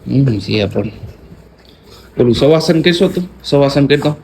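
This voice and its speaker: A young man from Gujarat talks into his phone, joking and coaxing in a loose vlog chat. His voice sits in a middle pitch, with a faint hum behind him at home. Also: animated, measured pace, gravelly, a little mellow. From Gujarat, India. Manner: playful, pleading. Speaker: vlogger. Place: family home, rooftop.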